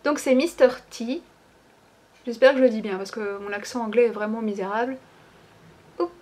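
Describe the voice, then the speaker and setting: A woman talks a little fast in a fairly high, darkish voice as she introduces fresh items from her online shop. She keeps it casual and chatty, hesitating often and using lots of fillers like "ben" and "euh."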